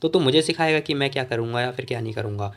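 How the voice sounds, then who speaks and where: A man's voice: medium pitch, very fast, lightly acted. A man voicing a furious young male martial hero in a comic recap, reading his lines in a cold, taunting way over faint music.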